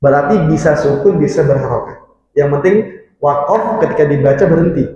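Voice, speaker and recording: A man teaching a mosque study class on Arabic grammar. He explains patiently, repeats key terms and chants verses slowly. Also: a little high, mellow. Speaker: religious teacher. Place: mosque hall. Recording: echoey mosque hall, dull lo-fi sound.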